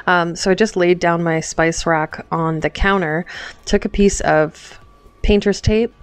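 A woman's voice: mid-range voice, clean tone, dry recording. A young woman chatting casually through a home DIY project, with lots of ums and likes and frequent little laughs. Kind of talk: casual DIY tutorial chat. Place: home kitchen.

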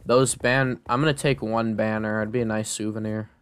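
A man's voice: on the low side, fairly even intonation, moderate pace, a little hiss or hum. Joking man chatting over a game. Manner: joking, playful, mutters reactions to the game. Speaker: Minecraft server player, channel host. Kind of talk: casual gaming chat.

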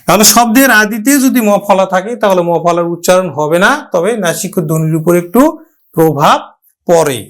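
A man teaching a pronunciation lesson, addressing students directly, explaining step by step and slowly drawing out example words. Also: high voice. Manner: slow, drawn-out repetition of example words. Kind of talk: Bengali grammar lesson.

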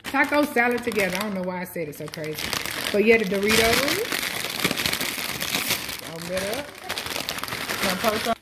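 A woman's voice: medium pitch, animated, moderate pace, long pauses. A woman chatting casually to viewers while she cooks in her home kitchen, filming on a phone in one hand. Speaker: cooking vlogger. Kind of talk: casual cooking chat. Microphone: phone camera held in one hand. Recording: noisy home kitchen, pan sizzling.

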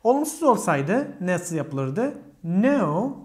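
A man's voice: high voice, sing-song, slow pace. Turkish-accented man teaching in an echoey room. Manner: asks questions and answers them himself. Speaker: English teacher. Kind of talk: explaining grammar step by step.

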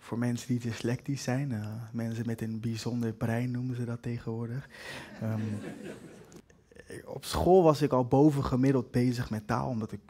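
A man's voice: medium pitch, fairly even intonation, moderate pace, warm tone, slight background noise. A man in his late twenties telling a personal story on stage, reflective and wry, with frequent hesitations. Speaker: spoken-word performer. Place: live stage with an audience.

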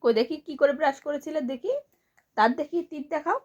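High-voiced mother coaxing her child. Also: brisk, lo-fi sound. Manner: playful, coaxing, hushed. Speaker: mother filming her daughter. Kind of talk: casual home video chat with a child. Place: home bedroom at night.

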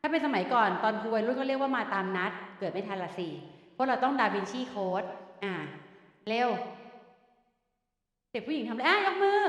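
A middle-aged woman teacher running a lively classroom quiz game, coaxing students and calling them "child". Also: high voice. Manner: animated, coaxing students, calls them "ลูก". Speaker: university teacher. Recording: echoey hall, long reverb.

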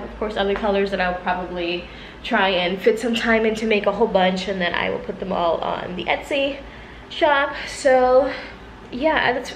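A woman's voice: medium pitch, echoey room, slight background noise, poor audio. A young adult woman chatting informally and rambling along in a casual vlog, talking to a camera at arm's length indoors. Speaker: vlogger. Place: living room, indoors. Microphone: camera at about arm's length.

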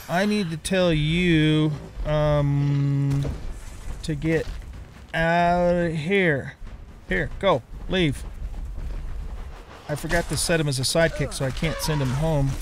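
A middle-aged let's play host with a fairly high voice takes it slowly, leaving long pauses, over a little hiss or hum. His casual gameplay commentary is reactive, aimed half at himself and half at the game, with mild swearing.

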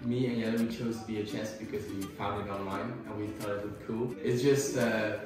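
A man's voice: on the low side, fairly even intonation, a little fast, very echoey, distant mic, over music. A man in his twenties from the Netherlands, a school intern, chatting casually to camera about his plans. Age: 20s.

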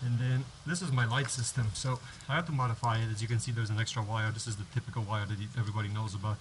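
A man vlogs outdoors on a home driveway by a garage, recording with a head-mounted action camera for a casual how-to, rambling, restarting sentences and explaining step by step. His lowish voice is rapid-fire with fairly even intonation, and there's background noise.

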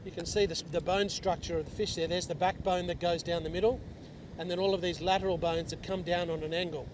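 Out on an open beach by the surf, a middle-aged fishing instructor explains step by step how he readies bait and fishes, talking steadily while he works. His voice sits high and moves fast, and the lapel mic catches wind and surf.

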